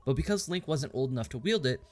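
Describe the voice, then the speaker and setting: Fast, animated man recapping a game. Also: mid-range voice. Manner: sarcastic, with crude asides. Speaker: game reviewer. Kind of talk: scripted story recap.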